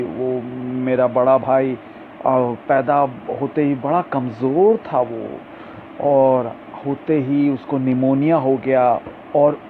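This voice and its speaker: Impassioned male pastor on a tinny line. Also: medium pitch. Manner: impassioned preaching, sings a slow refrain. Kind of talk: sermon. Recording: tinny phone-like sound with faint hiss.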